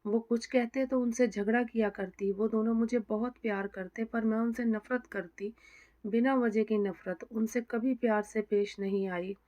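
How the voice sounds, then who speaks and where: A woman plays a guilt-ridden young pregnant wife in a storybook tale, full of anxious self-reproach. Her voice sits a little high. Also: steady tone, moderate pace, dark tone, lo-fi sound, lightly acted. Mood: remorseful.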